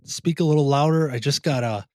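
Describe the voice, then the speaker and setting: A man hosting a live stream, breaking in with brief, quick interjections to the guest and the viewers. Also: fairly high pitch, dry recording, studio quality. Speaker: host.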